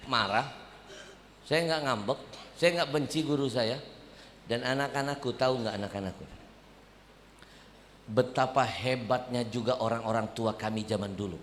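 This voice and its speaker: A male preacher telling a story in a sermon, in an animated, comic way. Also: medium pitch, measured pace, long pauses, a little hiss or hum. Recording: echoey hall, faint ambience.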